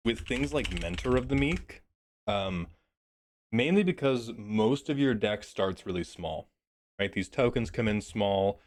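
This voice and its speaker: A man giving a casual, joking review of a card deck, a bit sick and clearing his throat, swearing as he thinks aloud. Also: lowish voice. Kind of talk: casual commentary.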